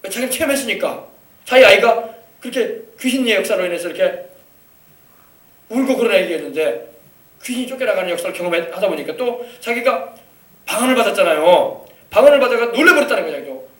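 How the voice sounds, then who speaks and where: A male pastor preaching a sermon as a story, acting out the people in it and breaking into loud hallelujahs. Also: high-pitched, animated, fast talker, pauses often. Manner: storytelling, acting out quoted voices, rising to shouts of hallelujah. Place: church sanctuary. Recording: echoey church hall, mic at a distance.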